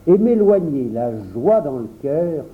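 A man reading a children's story aloud in an expressive storytelling manner, in a tinny phone-like recording. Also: on the high side. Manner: animated, unhurried storytelling. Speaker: storybook reader.

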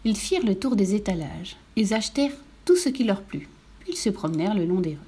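A woman reading a children's story aloud in a lively, playful way, speaking to her listeners. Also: mid-range voice, a little fast, breathy edge.

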